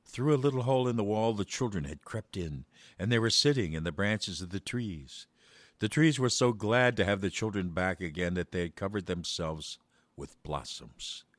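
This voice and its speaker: A man reading a children's story aloud in a measured way, slowing down for verse. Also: lowish voice, animated, dry recording.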